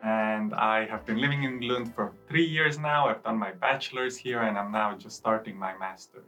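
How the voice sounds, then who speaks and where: A man's voice: lowish voice, normal speed, bright, forceful tone, soft background music. A young man from Italy, a student guest in a studio, explaining things with many hesitations and restarts. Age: young adult. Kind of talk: casual interview talk.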